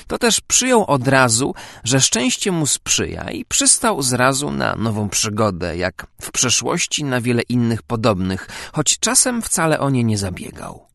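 A male audiobook narrator reading in a measured, expressive way. His voice is gravelly and moves freely in pitch. The recording is dry and close to the mic. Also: no echo. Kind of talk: scripted narration.

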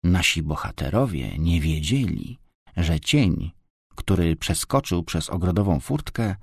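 A man narrating a children's storybook in a measured, even reading voice. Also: sits low, vocal fry, slightly rough, no room sound. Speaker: audiobook narrator. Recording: dry close studio sound.

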